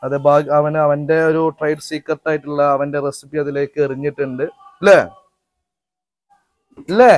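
A man's voice: fairly high pitch, steady tone, moderate pace, pauses often, a little mellow, no room sound. A man doing casual vlog narration outdoors behind a house, chatty and talking straight to viewers with teasing asides. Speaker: family vlogger cooking.

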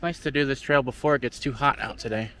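Out on a forest trail, a young man talks fast through his hiking vlog, keeping things chatty, jokey and relaxed. His voice is mid-range, the action camera is held at arm's length, and there's slight background noise.

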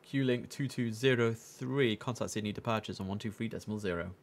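A young man with a lowish voice talks fairly quickly, muttering casual gaming commentary to himself before slipping into clipped air traffic controller phrases. He's at a home streaming setup indoors, and the room is noisy with keyboard clicks.

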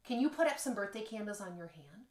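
A woman's voice: medium pitch, expressive, quick pace, a little mellow. A woman in her thirties, a music teacher leading a children's lesson from home with a playful, sing-song manner. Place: living room at home. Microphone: camera across the room. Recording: echoey living room.

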